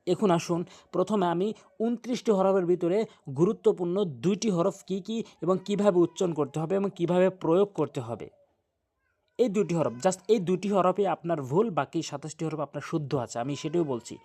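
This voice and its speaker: A man with a Bangladeshi Bengali accent teaching Quran reading, spelling out Arabic letters and vowels before reciting them slowly. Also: high-pitched, mellow. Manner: chanted recitation, slow and drawn out.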